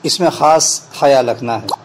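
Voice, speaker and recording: A male Quran reading teacher explaining pronunciation to teachers and pupils, and breaking into slow, deliberate letter-by-letter spelling drills. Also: medium pitch, a little hiss or hum, poor audio.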